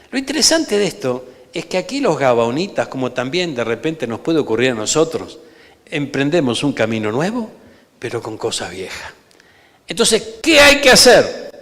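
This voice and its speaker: A man with an Argentine Rioplatense accent, a pastor preaching an emphatic sermon in a church and often calling for amens. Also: medium pitch. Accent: Argentine Rioplatense Spanish. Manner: emphatic preaching, peppered with calls for amen. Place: church sanctuary. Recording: reverberant church hall.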